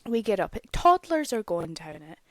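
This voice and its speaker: Animated woman, swearing storyteller. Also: mid-range voice, normal speed, no room sound. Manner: animated, swears freely, frequent "okay?" asides. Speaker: podcast host. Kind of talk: casual anecdote-telling.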